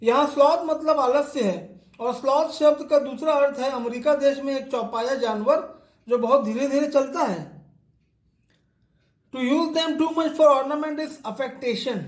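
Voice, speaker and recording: Male literature lecturer, very high voice, slow deliberate readings, echoey room. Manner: reads English quotations slowly, then explains them in Hindi. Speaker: English literature teacher. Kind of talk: line-by-line lecture explanation.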